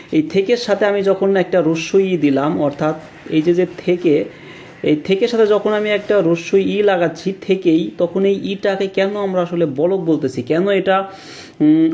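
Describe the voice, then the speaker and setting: A man's voice: on the high side, darkish tone, lo-fi sound. A man giving an exam-prep grammar lecture over slides, explaining step by step with many fillers and rhetorical questions, dropping in English words. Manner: mixes English words into his talk. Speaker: grammar teacher.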